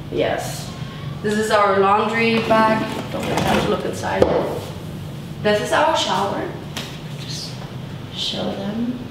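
In a medium-pitched voice, a young woman vlogger casually tours her large tiled bedroom and bathroom, rambling bubbly and dropping plenty of "like" and "so cool." She carries a handheld camera as she walks, and the echoey rooms pick up background noise.

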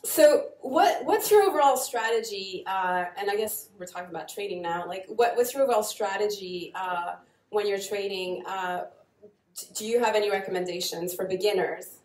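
A woman's voice: mid-range voice, normal speed, a little mellow. A woman moderating a panel, asking questions in a chatty, slightly hesitant way. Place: coworking space event room. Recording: echoey room from far off.

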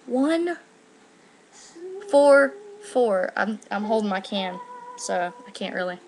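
A woman's voice: mid-range voice, lively intonation, takes it slowly, darkish tone, a little hiss or hum, rough recording. An eighteen-year-old woman chatting casually and slangily to camera, rambling and swearing, on a laptop microphone. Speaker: vlogger. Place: living room at home, indoors. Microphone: laptop built-in microphone at arm's length.

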